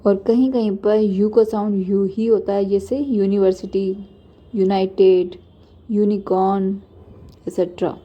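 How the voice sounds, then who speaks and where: A young woman teaching English letter sounds to beginners, slowly and patiently listing example words for each letter. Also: medium pitch, flat delivery, highs cut off. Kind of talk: slow beginner phonics lesson.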